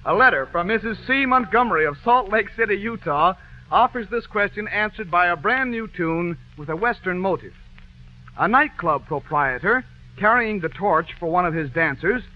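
A man hosting an old-time radio quiz show, joking and bantering with his band in a brisk patter. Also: high-pitched. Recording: dull lo-fi old radio broadcast.

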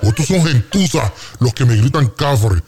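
A man's voice: mid-range voice, animated, a little slow, darkish tone, slightly rough. A man with a Puerto Rican accent on a comedy radio show, boasting through an exaggerated story full of slang and sung sound effects.

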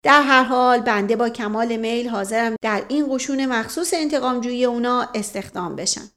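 A woman's voice: a little high, a bit bright, natural voice. A woman voicing a witty, mischievous middle-aged nobleman who teases in a mock-formal way. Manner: teasing, mock-formal, with a foreign word as a catchphrase.

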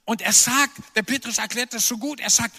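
A man preaching a sermon, animated and emphatic, with playful asides to the congregation. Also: very high voice, brisk, breathy edge. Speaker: pastor. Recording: long reverb of a large hall.

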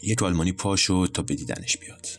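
A man narrating a scripted story in a measured, storytelling manner. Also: low voice, soft background music.

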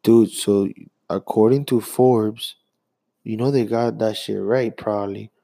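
A young man rambling through a profane, casual sports rant as a vlogger, jumping between fast bursts and drawn-out phrases. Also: lowish voice, fairly even intonation, gravelly, dark tone, no room sound.

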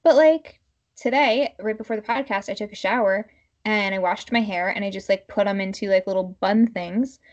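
A woman podcast co-host chatting casually and informally in a halting, filler-heavy way. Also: medium pitch, darkish tone, muffled recording.

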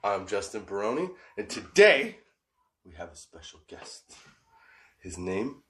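A man hosting a casual podcast in a laid-back, giggly stoner manner, openly high. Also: sing-song, measured pace, a bit bright. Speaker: podcast host. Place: garage. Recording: roomy, echoing garage.

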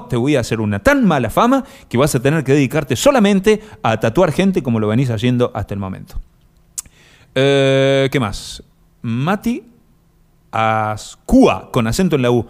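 A man with an Argentine accent hosting a live stream, reading viewer comments and rambling through mock-serious jokes with many fillers. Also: mid-range voice. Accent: Argentine Spanish. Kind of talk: joking casual chat.

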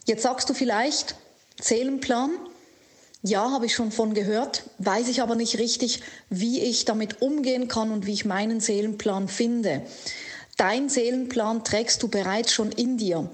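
A woman life coach giving a motivational monologue, speaking slowly and earnestly straight to the listener. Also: on the high side, fairly even intonation. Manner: earnest, slow and emphatic, speaking directly to the listener.

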